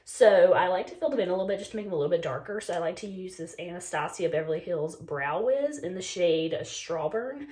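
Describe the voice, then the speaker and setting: Fairly low-pitched and dark in tone, this woman speaks in an animated, fairly quick way with hardly any pauses. She's a beauty vlogger in her twenties from North Carolina, somewhat ill and losing her voice, doing a casual get-ready-with-me makeup chat full of "like" and "um."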